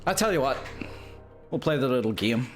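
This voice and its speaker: A man in his twenties chats casually with viewers on a live stream, rambling, joking at his own expense, and laughing often. His medium-pitched voice is animated and a little fast, with faint music behind him.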